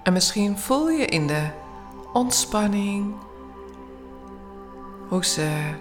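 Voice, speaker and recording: A woman leading a guided bedtime meditation in a soothing, hushed, often near-whispered voice with long pauses. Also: mid-range voice, expressive, music in the background. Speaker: guided relaxation instructor.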